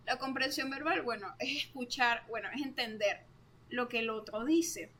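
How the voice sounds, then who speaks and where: A woman's voice: on the high side, moderate pace, a bit bright. A young woman explains course material in a casual, chatty way, full of fillers.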